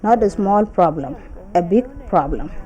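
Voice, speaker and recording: Slow, emphatic woman from South Sudan. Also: lowish voice, lively intonation, warm tone, highs cut off. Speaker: interviewee.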